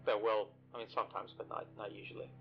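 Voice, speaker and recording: Brief: man voicing an uneasy halting guy, deepish, bitcrushed and muffled. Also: fairly even intonation, vocal fry, slight background noise. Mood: hesitant. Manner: halting, stammering, repeats words.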